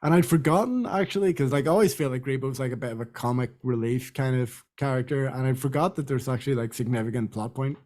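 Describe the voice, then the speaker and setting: A man's voice: medium pitch, fast talker, hardly any pauses, darkish tone. A young man from Britain, a podcast co-host talking casually and rambling with many fillers. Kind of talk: casual chat.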